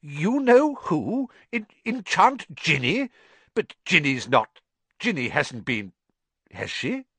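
A man's voice: high voice, huge pitch swings, a little slow, a bit bright, no echo, voice pushed up, exaggerated voice. A man voicing a flustered middle-aged father who stammers and gets exasperated. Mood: stunned.

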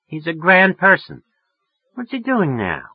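A man's voice: on the high side, big pitch swings, moderate pace, husky, no room sound, phone-quality sound, voice pushed up, exaggerated voice. A man voicing a brassy, slangy young woman in a story, with a raised, affected feminine voice. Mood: friendlier. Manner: sharp, slangy, turning affectedly genteel. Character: brassy, irritable young working woman, formerly burlesque, turning coy.

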